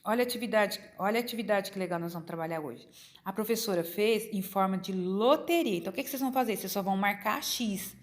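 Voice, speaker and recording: A woman's voice: mid-range voice, quick pace, a little hiss or hum. A middle-aged Brazilian woman teaching a class to children, encouraging them and asking and answering her own questions. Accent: Brazilian Portuguese.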